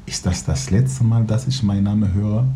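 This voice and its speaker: A thirty-year-old man from Syria, a native Kurdish speaker, telling his story at length as an interview guest in an earnest, fast-talking way. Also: lowish voice, fairly even intonation, dark tone, a little hiss or hum. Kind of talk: conversational storytelling.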